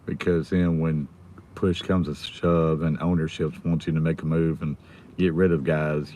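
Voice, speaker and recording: An American man with his voice nearly gone, chatting casually and quietly as a livestream host while sitting in a car. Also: very deep voice. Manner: subdued, holding the volume down. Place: inside a car in a school pickup line. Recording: noticeable background noise in a car.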